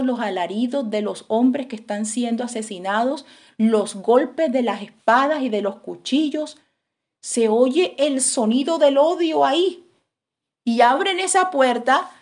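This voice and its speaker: A woman preaching a sermon and telling a story dramatically, acting out the quotes as she goes. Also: high-pitched.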